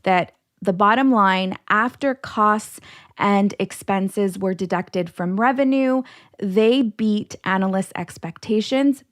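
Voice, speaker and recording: A financial educator hosts her podcast in a medium-pitched voice, patiently explaining terms one step at a time for her listeners. The audio is clean studio sound without any room reverb.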